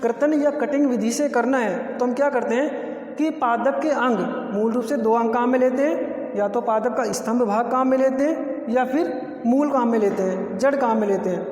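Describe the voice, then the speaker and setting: A man with a very high voice teaches a biology class with a Rajasthani accent. He explains step by step and poses questions that he answers himself. His voice rings around a classroom with a long, roomy echo. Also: moderate pace, darkish tone. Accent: Rajasthani Hindi. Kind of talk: classroom lecture. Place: classroom with a board. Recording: echoey room with long reverb.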